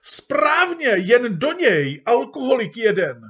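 A man voicing an indignant crowd of workers in a storybook reading, heckling loudly. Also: very high-pitched, sing-song, slightly rough, pitched above the performer's own voice, exaggerated voice. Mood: outraged. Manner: loud outraged heckling.

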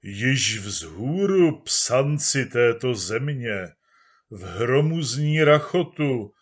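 A man voicing a smooth-talking male party orator with a pleasant baritone, making a slow, rhetorical speech in a storybook reading. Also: big pitch swings. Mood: genial.

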